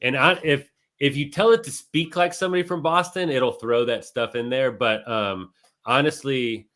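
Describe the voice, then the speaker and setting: A man's voice: mid-range voice, normal speed, fairly bright tone. A man co-hosting a casual talk show, explaining things step by step in a conversational way. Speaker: co-host. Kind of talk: casual chat.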